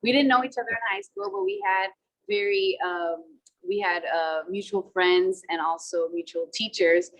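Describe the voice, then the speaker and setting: Speaking at a moderate pace with a medium-pitched, fairly bright voice, a woman in her thirties from the Dominican Republic discusses her acting in an interview about a film. The casual video call has poor audio, and she switches between Spanish and English with frequent fillers.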